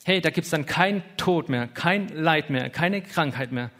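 A man's voice: on the high side, animated, measured pace, sharp tone. A man in his thirties preaching a sermon in an informal, heartfelt way, peppering his talk with interjections. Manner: informal, emotional, with lots of "hey" and "ja".

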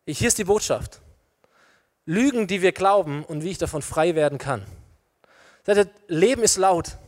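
A man with a rather high voice delivers a sermon, turning to his listeners with questions and everyday examples. His voice carries a long reverb from a large hall. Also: normal speed. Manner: lively preaching with illustrations, addresses listeners directly. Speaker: preacher.

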